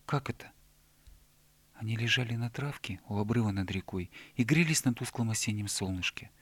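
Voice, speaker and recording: A man narrating a children's storybook tale in a gentle, unhurried way. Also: on the low side, no room sound. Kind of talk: storybook reading.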